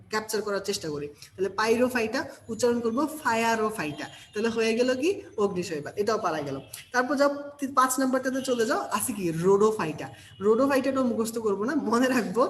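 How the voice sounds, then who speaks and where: A man's voice: high-pitched, a little hiss or hum. A man teaching an exam-prep biology lesson, firing questions at students and answering them himself, often checking "okay?". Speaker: biology tutor.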